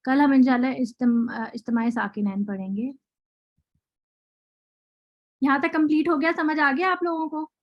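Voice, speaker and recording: In an online class, a woman teaches a recitation lesson, explaining the rules and often checking whether her students understand. She asks them questions and draws out example words slowly. Her voice sits high, and the sound is lo-fi.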